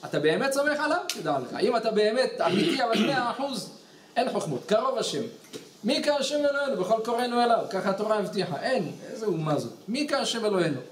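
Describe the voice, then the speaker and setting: A male rabbi giving a storytelling sermon, acting out the voices of the people in his tale. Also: high-pitched. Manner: animated storyteller who acts out quoted characters. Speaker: rabbi giving a weekly Torah lesson. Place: study hall in a small village. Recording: echoey hall with faint background noise.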